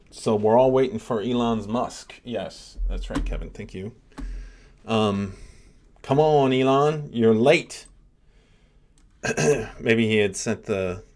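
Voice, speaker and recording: A man's voice: sits low, darkish tone. A middle-aged man hosting a live stream as a professor, giving casual reaction commentary and thinking aloud with lots of fillers. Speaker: livestream host, neuroscience professor.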